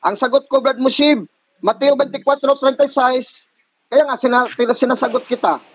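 A man's voice: extremely high pitch, steady tone, fairly bright tone, breathy edge. A man debating religion in an online call, rattling off scripture citations. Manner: rapid, citing scripture verses. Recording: dull lo-fi call audio.

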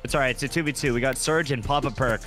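A young man giving excited, incredulous gameplay commentary and banter. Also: mid-range voice, fast. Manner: exclamatory, incredulous reactions. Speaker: gamer. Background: music, game gunfire.

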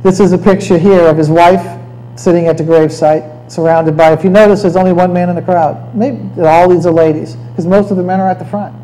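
A man's voice: high voice, steady tone, brisk, dark tone, low-quality recording. A man giving a conversational history lecture over slides, often checking in with "okay?".

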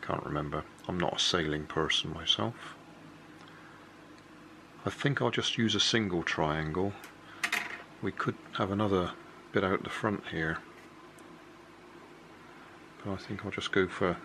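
A man's voice: low voice, unhurried, gravelly, pauses often, sharp tone, a little hiss or hum. An older man casually walking through a hobby build at a kitchen table, explaining each step plainly and unhurriedly, correcting himself as he goes.

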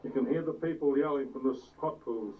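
Man narrating an old VHS home video. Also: mid-range voice. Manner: unhurried, pointing out sights like a tour guide. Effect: old VHS tape sound. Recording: tinny, distant, hissy old camcorder tape.

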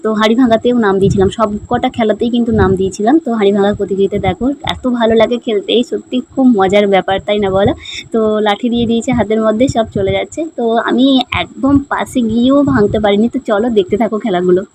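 A woman's voice: mid-range voice, steady tone, racing, a little mellow, slight background noise, poor audio. A young woman vlogger chatting casually about her day, with many fillers, her voice strained from announcing. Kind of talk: casual vlog narration.

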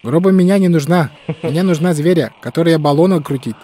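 A man's voice: a little high, brisk, dark tone, close to an everyday voice. A man playing a naive Chukchi tundra native in a cartoon game, speaking broken, lisping Russian with a mock Chukchi accent. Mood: earnest. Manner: broken pidgin Russian with lisped sibilants.

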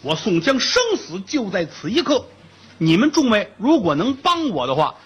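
A man doing a husky, troubled scholar-outlaw. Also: sits high, sing-song, moderate pace, a bit bright, voice pushed up, full character voice. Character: troubled scholarly middle-aged male outlaw.

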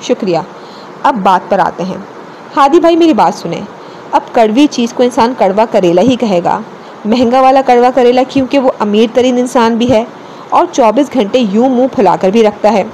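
A woman's voice: fairly high pitch, a little mellow, a little hiss or hum, natural voice, poor audio. A woman narrator voicing a playful, talkative young wife in an audiobook story. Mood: teasing. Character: chatty teasing young wife.

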